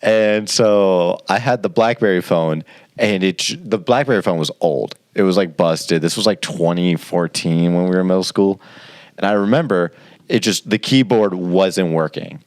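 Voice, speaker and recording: Low-voiced young man telling a story. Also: moderate pace, no echo. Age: 20s. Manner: rambling, animated, laughs while telling. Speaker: podcast co-host. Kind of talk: casual storytelling chat.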